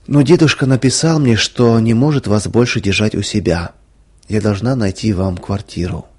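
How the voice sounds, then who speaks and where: Guy reading a soft tender mom in a storybook, kinda husky and quiet. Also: lowish voice, normal speed. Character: gentle loving mother, adult woman.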